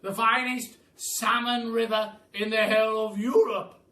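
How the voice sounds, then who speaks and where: A man voicing a loud, pompous, generous aristocratic Duke from a storybook, grand and exclamatory. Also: sits high, level tone, measured pace, pitched above the performer's own voice. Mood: boastful, grand. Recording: roomy echo, far from mic.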